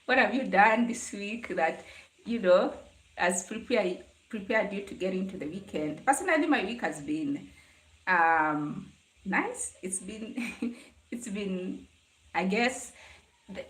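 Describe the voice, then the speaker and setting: A young adult woman with a Kenyan accent hosts a casual live chat, talking easily with her viewers as she greets commenters and answers them. Her mid-range voice is a bit bright, and the live stream sound is roomy and echoing.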